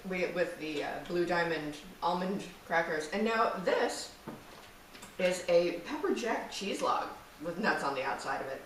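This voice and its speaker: Upbeat woman craft co-host, giggly, far from the mic in a boomy space. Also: lively intonation, a little slow. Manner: enthusiastic, giggly, lots of agreeing hums. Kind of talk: casual crafting chat. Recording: echoey room, distant mic, faint background noise.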